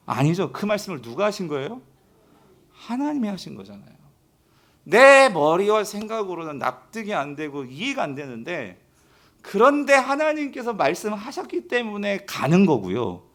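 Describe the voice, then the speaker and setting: A man's voice: high-pitched, sing-song, moderate pace, a bit bright. A male pastor preaching, asking the congregation questions and acting out people's complaints. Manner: acts out the people's complaints in quoted voices. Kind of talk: sermon.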